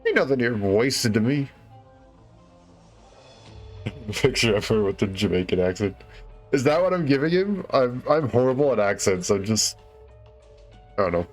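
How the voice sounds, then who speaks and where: A man's voice: on the low side, big pitch swings, moderate pace. A man streaming a game story read-through, breaking off for self-deprecating, chatty asides. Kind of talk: casual game-story reading commentary. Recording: faint music behind.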